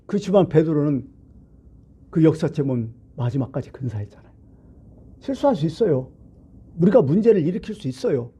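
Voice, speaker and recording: A man preaching a Sunday sermon as pastor, talking conversationally and asking the congregation questions, jumping between loud emphasis and hushed asides. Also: on the high side, lively intonation, a little fast, long pauses, husky.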